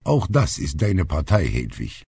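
A man reading an audiobook, voicing a blunt, outspoken old grandfather who is gruff but loving. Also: very deep voice, wildly swooping pitch, unhurried, a little mellow, no echo, voice pushed up, full character voice. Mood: earnest, bitter. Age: older. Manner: blunt, plainspoken.

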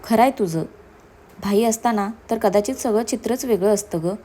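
A young man, gentle and affectionate, who likes to tease , as a woman reading the story puts him on. He talks softly and warmly, at an even middle pitch. It is a storybook reading. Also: normal speed, slight background noise, close to an everyday voice. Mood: tender. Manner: soft, affectionate, playful. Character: young man, tender and teasing groom. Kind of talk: storybook narration.

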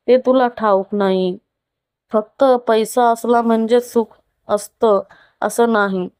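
A woman's voice: a little high, darkish tone, clear, resonant tone, dry recording, studio quality. A woman voicing a lonely rich wife. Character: wealthy, lonely, unhappy middle-aged wife.

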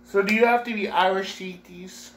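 A man's voice: sits high, fairly even intonation, fairly quick. A man in his thirties hosting a casual food review vlog in a small living room. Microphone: camera or phone at arm's length. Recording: noisy room recording.

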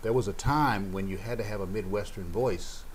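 A man's voice: lowish voice, moderate pace, a crowd in the background. A man who works as a TV reporter, a guest in a casual interview, telling stories expressively and chuckling through his remarks.

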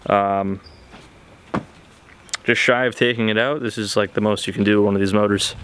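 A man's voice: on the low side, steady tone, normal speed, a bit bright, a little hiss or hum. A young man hosting a car-repair vlog outdoors, talking to the camera in a casual, profane way as he works. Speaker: channel host. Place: outdoors on a street beside a car.

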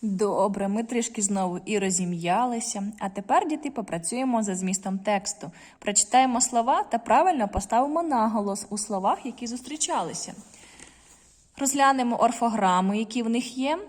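Woman teacher, video reading lesson for kids, careful slow word-by-word reading, long room reverb. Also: on the high side. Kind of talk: recorded online reading lesson for children.

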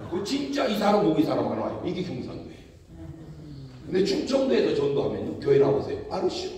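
A male pastor preaching a humorous revival sermon, telling lively stories and mimicking other people's voices. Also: high voice, quick pace, a little hiss or hum. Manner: animated storytelling with mimicked voices and laughter. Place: large church hall. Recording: echoey church hall, picked up from far off.

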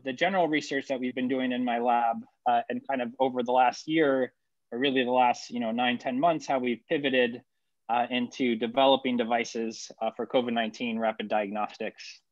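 A man's voice: medium pitch, steady tone, brisk, no echo, dull audio. A man from El Salvador who grew up in Ohio, giving a conference talk over a video call, with many fillers and repeated words. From El Salvador, raised in Ohio. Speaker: engineering professor presenting research.

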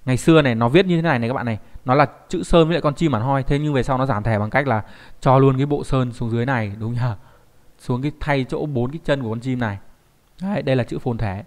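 A man's voice: medium pitch, fast talker. A man teaching an online kanji lesson, who keeps asking the class rhetorical check questions.

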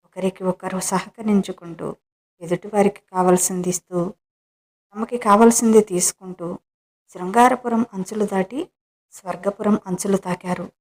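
A woman narrating a romance story in a calm, measured reading. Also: medium pitch.

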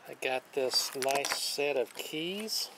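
A man hosting his own channel, calmly walking through the items he found one by one in casual show-and-tell narration, recorded outdoors on a dock. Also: mid-range voice, noisy background. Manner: plain, unhurried, listing items one by one. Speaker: channel host showing magnet fishing finds. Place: outdoors on a wooden dock by a lake.

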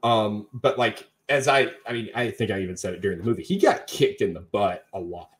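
A man's voice: fairly low pitch, lively intonation, a little fast. A young man co-hosting a casual film review podcast, rambling and chatty. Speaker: podcast co-host.

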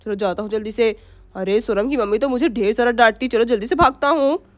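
Brief: woman playing a jokey village father in a storybook doll tale; teasing, deeper than her own voice. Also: brisk, no echo, natural voice. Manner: teasing, joking.

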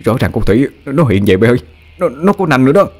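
A man's voice: mid-range voice, very animated, fast, a little mellow, pitched above the performer's own voice. A man voicing a frightened young village man who stammers, in an audio ghost story. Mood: panicked. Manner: stammering, panicky.

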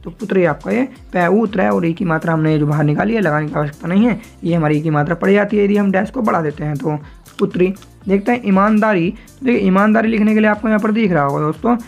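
Gravelly-voiced man teaching step by step. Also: high-pitched, fast talker, faint music behind. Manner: patient, repeats points, often asks if it is clear. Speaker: shorthand teacher. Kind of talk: explaining a lesson step by step.

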